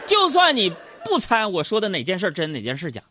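A man telling comic stories in a lively stand-up monologue, acting out other people's voices. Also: high voice, fast, some chatter behind, slight background noise. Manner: animated storytelling, acts out other voices. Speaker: comedy radio host.

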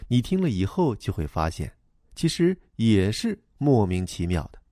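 A man's voice: fairly low pitch, sing-song, normal speed, dark tone, dry recording. Playful guy reading a kids story, bouncy voice, dry. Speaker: narrator.

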